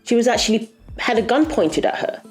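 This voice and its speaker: A woman's voice: a little high, expressive, brisk, soft background music. A woman hosting a commentary video, talking in an indignant, emphatic way. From Britain. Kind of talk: opinionated commentary.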